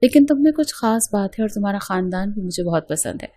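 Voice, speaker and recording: A confident young husband who talks in a smooth, persuasive way and holds his ground, as read by a woman narrator. The voice is soft and a little breathy. It sounds like a spoken storybook. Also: mid-range voice, lively intonation, lightly acted.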